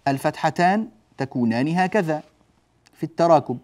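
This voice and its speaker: A man teaching the rules of Quran recitation, explaining step by step, drawing on a board, checking that the class follows, and stretching out example words slowly. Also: a little high, lively intonation, a little mellow. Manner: explains step by step and often asks the class "جيد؟". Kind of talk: classroom lesson on tajweed rules.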